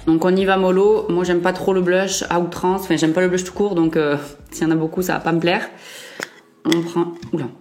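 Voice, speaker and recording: A woman's voice: on the low side, little pitch movement, fairly quick, darkish tone, soft background music. A young woman vlogger chatting casually through a makeup review, with frequent fillers and self-corrections. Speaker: beauty vlogger.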